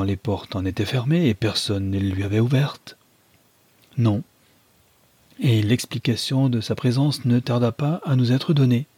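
A man reading a novel aloud as an audiobook narrator in a measured, dramatic manner. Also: fairly low pitch, dark tone, breathy edge, no room sound. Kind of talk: scripted literary reading.

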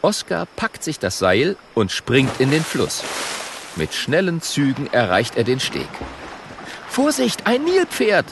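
A man narrating a children's audiobook in an expressive storytelling manner. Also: medium pitch, a little slow, vocal fry, background noise.

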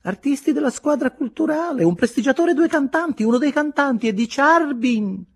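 A languid effeminate young crook. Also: male voice, very high voice, expressive, brisk, vocal fry, pitched above the performer's own voice, full character voice. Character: dirty young male criminal, languid and effeminate.

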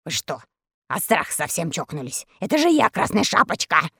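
A woman's voice: fairly low pitch, very animated, moderate pace, vocal fry, bright, forceful tone, breathy edge, dry recording, clean studio sound, pitched below the performer's own voice, exaggerated voice. A woman voicing a sly male sorcerer disguised as a fairy-tale girl, speaking in sing-song rhymes.

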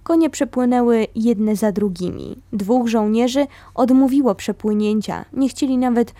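A woman reading a memoir aloud, telling it in a calm, steady way. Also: on the high side, moderate pace, no room sound. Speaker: reader of a memoir.

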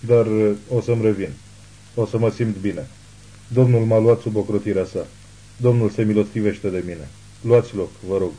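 A man voicing a zealous old woman who calls herself a prophet, speaking in a hushed but imperious way. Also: lowish voice, steady tone, slightly rough, rough recording. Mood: faint pleading.

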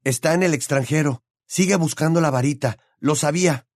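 A man's voice: a little high, normal speed, dry recording, studio quality, voice pushed up, lightly acted. A man voicing Harry, an eager, determined teenage boy, in an audiobook reading. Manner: eager, obsessive.

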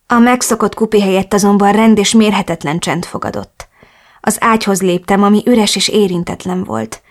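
A woman narrating a novel in the first person, reading expressively and with emotion. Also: medium pitch. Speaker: audiobook narrator.

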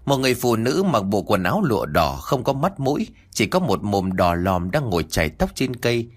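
A man narrating a rural ghost story in an expressive, dramatic storytelling manner. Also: lowish voice, a little fast.

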